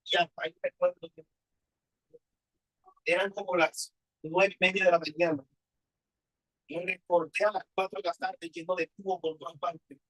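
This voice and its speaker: Male preacher, husky voice, emotional testimony storytelling, rhetorical questions. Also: high-pitched, steady tone, moderate pace, pauses often, a bit bright, no room sound, rough recording. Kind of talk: personal testimony sermon.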